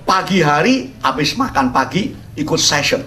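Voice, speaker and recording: An older man, a pastor, giving an expository sermon as a humorous, animated storyteller who sprinkles in English words. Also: on the high side, normal speed, distant mic, a little hiss or hum.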